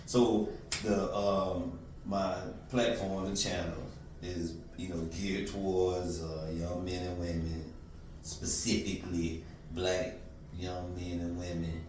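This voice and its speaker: Forties male host, slangy and relaxed, very deep, strong echo and a slight hiss. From Florida. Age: 40s. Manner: easygoing, slangy, drawn-out fillers. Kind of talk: casual interview. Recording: echoey room, distant mic, faint noise.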